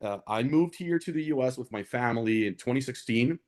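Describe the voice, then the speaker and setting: Speaking fairly quickly and with animation, a man from Honduras appears as an alumni guest on a panel discussing careers. He's earnest and conversational, regularly checking in with his listener, in a mid-range, slightly mellow voice.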